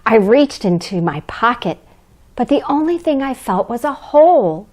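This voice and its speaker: A woman playing Mrs. Claus as a kindly storybook reader, gentle and expressive, speaking to children. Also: fairly high pitch, moderate pace. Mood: gentle storytelling. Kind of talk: children's storybook reading, addressing young listeners.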